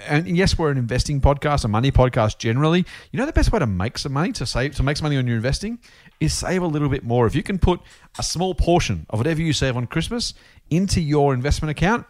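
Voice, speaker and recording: An Australian man hosting a podcast in an informal, chatty, blokey and jokey style. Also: medium pitch. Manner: jokey, blokey, addresses co-host as mate. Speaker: podcast host. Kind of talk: chatty, informal personal finance podcast talk.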